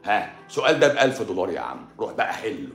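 A man's voice: on the low side, big pitch swings, rapid-fire, reverberant, soft background music. A man with an Egyptian Arabic accent, a doctor answering viewers on a live stream in a sarcastic, scolding, rhetorical way.

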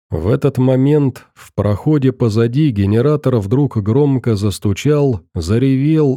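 A man narrating an audiobook in a steady, measured reading. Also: mid-range voice, dry recording, clean studio sound. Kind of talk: scripted narration.

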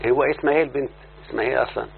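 A man's voice: mid-range voice, fairly even intonation, rapid-fire, gravelly. A man with an Egyptian Arabic accent teaching a class, constantly quizzing his listeners and prompting them to answer. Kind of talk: classroom lesson. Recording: tinny lo-fi recording with faint hum.

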